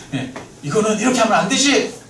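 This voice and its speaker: A male pastor preaching a sermon in a church, lively, often asking the congregation questions. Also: high-pitched, normal speed. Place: church sanctuary. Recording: roomy, mic at a distance, faint noise.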